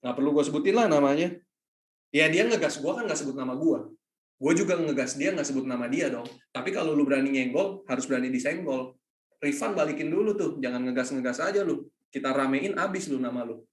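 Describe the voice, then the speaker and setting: A man's voice: fairly high pitch, animated, brisk, roomy sound. A man giving an informal masterclass lecture in blunt, combative slang. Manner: blunt, combative slang-heavy Jakarta talk. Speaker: masterclass speaker.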